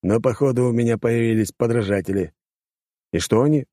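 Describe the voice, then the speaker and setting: A man's voice: mid-range voice, fairly quick, mellow, dry recording, studio quality, voice pushed up, close to an everyday voice. A man voicing a joking, defensive male friend in an audiobook, talking in banter and excuses. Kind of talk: audiobook character voice.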